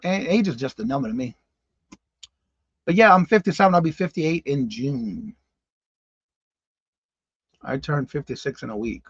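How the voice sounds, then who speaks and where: Lively, husky-voiced man hosting a morning show. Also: mid-range voice, moderate pace, pauses often, no echo, highs cut off. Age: 50s. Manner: chatty, exclaims in disbelief, talks to viewers by name. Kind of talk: casual live-stream chat reading comments.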